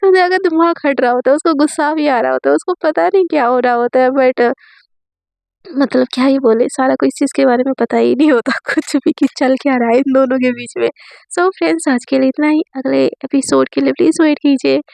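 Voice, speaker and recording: A high-voiced woman tells a romance story in a casual, chatty way, her throat dry from fasting. Her voice has a gravelly fry, and the recording sounds close and dry. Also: a little mellow, no echo.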